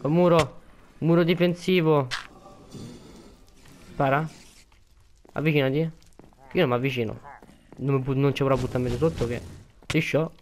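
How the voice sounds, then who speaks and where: A man's voice: mid-range voice, fairly even intonation, moderate pace, pauses often, slight background noise. A young man giving casual gameplay commentary, chatty and prone to panicked repeated pleading. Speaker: gaming video creator.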